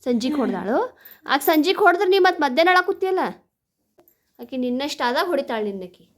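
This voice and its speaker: High-voiced woman with a North Karnataka accent. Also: big pitch swings, quick pace. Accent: North Karnataka Kannada. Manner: coaxing, teasing questions to small children. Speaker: vlogger and mother. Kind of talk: casual home vlog chat. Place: home.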